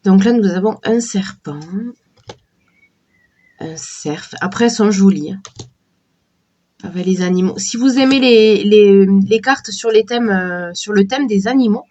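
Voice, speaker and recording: A woman with a cold and a sore throat, slowly and hesitantly chatting while showing a deck of oracle cards. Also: medium pitch, warm tone. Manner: slow, hesitant, many fillers and restarts. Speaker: tarot and oracle card reviewer. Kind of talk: casual unboxing chat.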